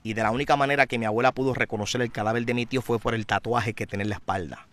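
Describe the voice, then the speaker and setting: A man giving a personal testimony in an interview, a vivid, dramatic storyteller who grows louder and more intense. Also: medium pitch, fairly even intonation, racing.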